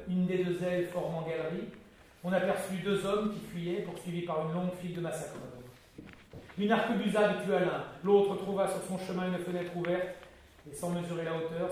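A man reads a historical novel aloud with theatrical storytelling flair, his voice on the high side. He is well away from the mic in a very echoey room. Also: a little mellow, recorded from a distance, a little hiss or hum. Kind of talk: dramatic reading of a historical novel.

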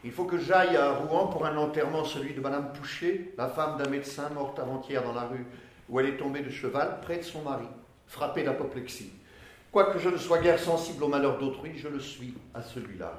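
A man's voice: medium pitch, brisk. A man reading a letter aloud in a plain, sober way, in an echoey room.

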